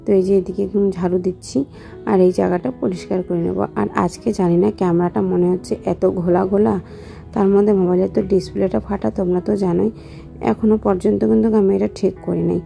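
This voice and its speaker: A young woman narrating her household routine in a quiet, unhurried voice-over, speaking gently because she has only just woken up. Her voice is heavily gravelly and very dark, and it stays on a flat, even pitch. Soft music plays faintly behind her. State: low on voice after waking. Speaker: vlogger. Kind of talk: daily life voice-over narration.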